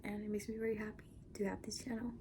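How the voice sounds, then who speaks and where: Quick and flat in delivery, this mid-range voice belongs to a Mexican woman, a Spanish-first-language channel host rambling through a casual personal vlog. She wanders into asides and occasionally drops to a whisper, over a noisy background.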